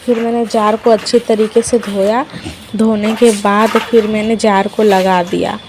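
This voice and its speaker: A woman's voice: medium pitch, flat delivery, measured pace, background noise. A young woman telling her day in a chatty vlog voice-over, talking to viewers as friends. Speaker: vlogger. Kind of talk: casual vlog voice-over narration. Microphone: voice-over dubbed at home.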